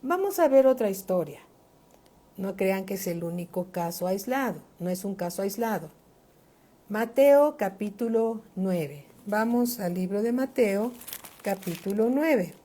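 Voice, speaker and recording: Slow-preaching older woman pastor. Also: mid-range voice, animated, warm tone. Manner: slow, deliberate preaching with emphatic rises and frequent checks for agreement. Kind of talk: sermon.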